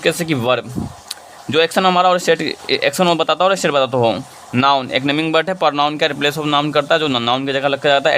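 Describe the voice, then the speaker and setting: A man's voice: on the high side, a bit bright, slight background noise. A man teaching English grammar in a lesson, explaining in Hindi and reading English examples in an Indian accent, often asking and answering his own questions. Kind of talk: classroom-style lesson.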